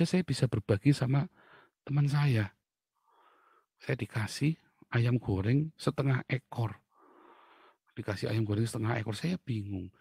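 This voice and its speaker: A man preaching, his voice gravelly and a little husky. He tells personal stories in an animated way and laughs often at them. The recording is dry and close. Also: medium pitch, dry recording. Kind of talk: sermon with personal anecdotes.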